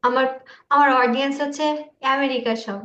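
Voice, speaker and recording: Presenting informally over a group video call with screen sharing, a woman from India sounds a little nervous and hesitant. Her voice is high and bright with a forceful tone, fairly even in intonation and a little fast, while the online recording is muffled and echoey.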